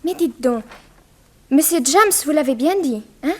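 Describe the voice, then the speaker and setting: A lively intonation marks this high, slightly mellow female voice, which moves a little slowly. It belongs to an actress portraying a bold, proud, cheeky eighteen-year-old Russian immigrant in a 1960s French radio drama, and her mood is chatty and self-assured.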